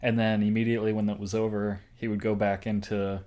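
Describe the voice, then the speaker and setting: A young man with a fairly low voice talks casually as a podcast co-host. He rambles through his stories and keeps circling back with fillers and restarts. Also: level tone, a little fast, warm tone. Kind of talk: casual chat.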